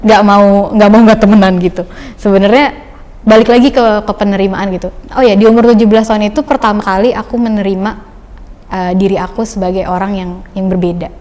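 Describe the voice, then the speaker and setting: A woman's voice: mid-range voice, fairly even intonation, fairly quick, a little mellow. Young woman telling her story in a long-reverb room. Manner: chatty, loose storytelling with many fillers. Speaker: podcast guest. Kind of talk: casual personal testimony.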